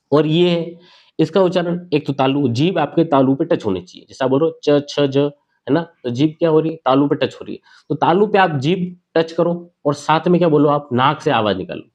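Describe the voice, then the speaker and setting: A man's voice: mid-range voice, a little mellow. Male teacher, grammar lesson at a board, asks and answers his own questions, repeats key words, slightly muffled lo-fi sound.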